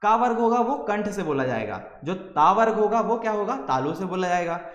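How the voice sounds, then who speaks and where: A man's voice: high voice, expressive, moderate pace, reverberant, big-room sound, dull audio. A man teaching a grammar lecture for exam preparation, who keeps asking the class questions and then answers them himself.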